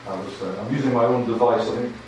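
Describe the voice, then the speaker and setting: Speaking very fast with fairly even intonation, this medium-pitched older man has a Scottish accent and delivers an academic lecture as a guest, chatty, self-deprecating and prone to repeating words. The setting is a large lecture hall, where a handheld mic heard from afar captures echo and faint noise.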